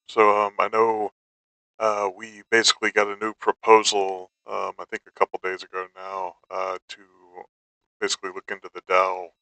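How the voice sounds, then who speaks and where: A man hosting a casual online community call, relaxed and pausing often with fillers. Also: sits low, vocal fry, dry recording, low-quality recording. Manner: relaxed, with many filler pauses. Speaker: host.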